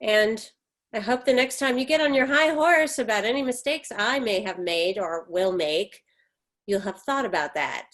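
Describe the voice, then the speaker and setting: This woman, lightly acting at normal speed, has a mid-range, fairly bright and expressive voice. She voices a resentful, defensive middle-aged mother in a stage drama, insistent and bitter, with emphatic, reproachful, clipped replies.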